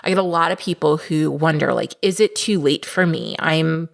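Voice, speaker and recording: A woman's voice: low-pitched, normal speed, vocal fry. Chatty, encouraging woman podcast host. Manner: chatty and encouraging, with fillers like "right?" and "like". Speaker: podcast host and business coach. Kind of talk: casual solo podcast monologue.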